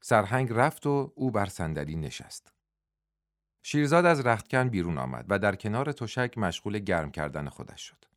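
A man reading a novel aloud as audiobook narrator, in steady scripted storytelling. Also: lowish voice, no echo, studio quality.

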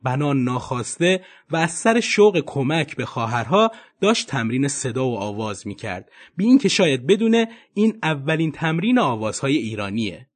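A man narrating a documentary podcast episode in an expressive storytelling manner. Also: medium pitch.

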